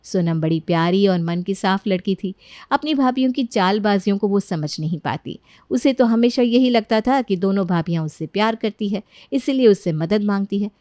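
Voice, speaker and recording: A woman narrating a cartoon story in calm, scripted storytelling. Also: medium pitch, no room sound, studio quality.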